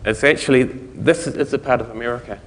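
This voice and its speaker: A man's voice: mid-range voice, fast talker, creaky, long reverb tail, slight background noise. A man giving a conversational conference talk, explaining things step by step. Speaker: conference speaker.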